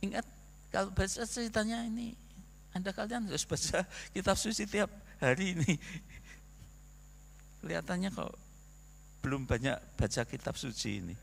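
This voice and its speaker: A male pastor preaching a sermon in a church, animated, with rhetorical questions and acted-out quotes. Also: high voice, normal speed, vocal fry, pauses often, a little hiss or hum. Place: church sanctuary. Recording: long reverb of a church hall.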